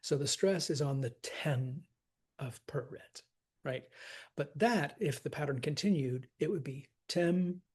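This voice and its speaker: A man teaching poetry scansion, talking slowly and thoughtfully and sounding out the rhythm of each line aloud. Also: medium pitch, a little mellow, breathy edge. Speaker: acting teacher.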